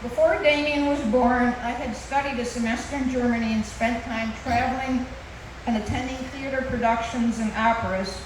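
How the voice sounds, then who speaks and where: A woman's voice: fairly high pitch, steady tone, normal speed. An older woman giving a composed, prepared wedding toast as the mother of the groom. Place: large reverberant venue. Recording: echoey hall, distant, noisy.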